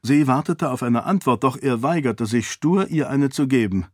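A man narrating a fantasy novel in a calm, even storytelling manner. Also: medium pitch, moderate pace, dry recording, studio quality. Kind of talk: audiobook narration.

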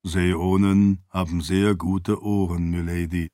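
A man voicing a calm, deferential floating spirit servant. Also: low-pitched, no echo, clean studio sound, pitched below the performer's own voice. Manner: measured, deferential. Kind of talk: audiobook character voice.

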